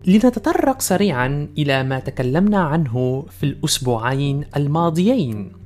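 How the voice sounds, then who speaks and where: A man's voice: on the high side, animated, normal speed, a little mellow, faint music behind. A man hosting a language podcast, presenting a scripted lesson in carefully enunciated formal Standard Arabic and in English.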